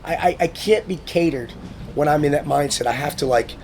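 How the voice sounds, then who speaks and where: Animated, swearing man telling stories. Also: a little high, fairly quick, a little hiss or hum. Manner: swearing, animated storyteller who acts out quotes. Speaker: guest, motivational speaker. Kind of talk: casual storytelling conversation.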